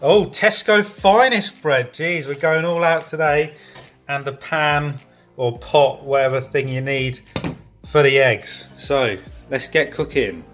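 In a laid-back kitchen vlog shot on a handheld phone, a young man cooks at home while cracking jokes and drifting into chatty tangents. His voice is fairly high and a bit bright, his pace slow, with soft music in the background.

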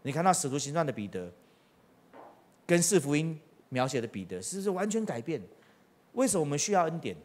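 A man's voice: on the high side, very animated, fairly quick, pauses often, a little mellow. A middle-aged man preaching a sermon as pastor, telling stories with acted-out quotes and rhetorical questions. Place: church.

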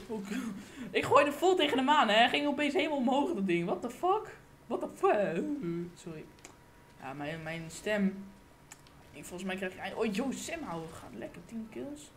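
A woman giving live gameplay commentary on her gaming channel, excitable and cursing, with sudden loud outbursts, recorded on a desk condenser mic. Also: medium pitch, slight background noise.

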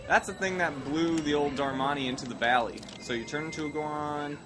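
A sick, coughing let's play host from the American Midwest rambles through casual gameplay commentary in a Midwestern American accent. His voice is a little high and brisk, and he mocks himself with sudden outbursts, all over loud game music.

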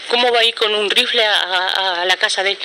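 A woman's voice: mid-range voice, fairly even intonation, brisk, bright, forceful tone. A middle-aged woman with an Argentine accent, the victim's aunt, telling what happened in an urgent, repetitive way with many restarts, interviewed outdoors. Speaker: victim's aunt giving testimony. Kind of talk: street interview. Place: outdoor courtyard by a building. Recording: noisy outdoor news footage.

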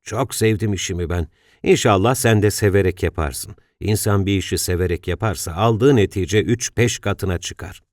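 A kindly engineer in his sixties, gentle and grateful, speaking softly as a male narrator reads him. The voice is deep and low. The recording is dry, with no room sound. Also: normal speed, dry recording, natural voice. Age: 60s. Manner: gentle, grateful, soft-spoken.

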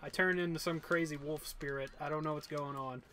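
A man's voice: a little high, fairly even intonation, a little fast, sharp tone. A young man casually chatting and joking while playing a video game with a friend. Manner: laid-back, joking banter while playing. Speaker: let's play co-host. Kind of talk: casual gameplay chat.

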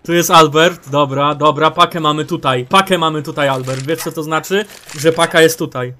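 A man giving excitable live commentary on his own shooter match, shouting callouts, swearing and mocking his teammates. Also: on the high side, normal speed.

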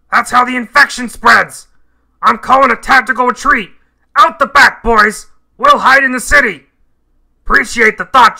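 A man voicing a brash, bossy crocodile detective boss from a cartoon game, with a gruff, gravelly, forceful delivery. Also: very high voice, full character voice, rough recording. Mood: urgent, rallying. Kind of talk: cartoon video game character voice reel.

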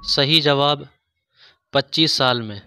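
A man reading religious quiz questions, pausing over each option before he gives the answer. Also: mid-range voice, background noise. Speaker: quiz host. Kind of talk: scripted quiz narration.

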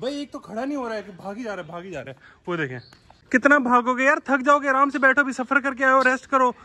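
Excitable high-voiced man vlogging. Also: quick pace. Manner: excited, laughing, talks to the animal. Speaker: vlog host. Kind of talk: casual pet vlog chat.

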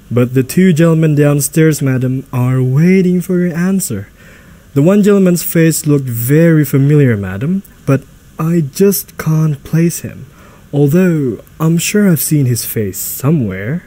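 A man's voice: a little high, warm tone. A man playing a deferential household butler in a radio drama, formal, polite and a little hesitant.

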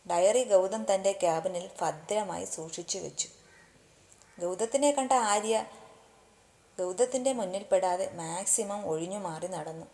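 A woman narrating a romance story aloud in a steady, even reading manner. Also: on the low side, measured pace.

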